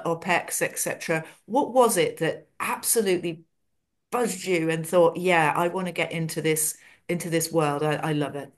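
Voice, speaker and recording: Woman podcast host, slightly low voice, upbeat and gushing, conversational interview delivery. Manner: enthusiastic, effusive.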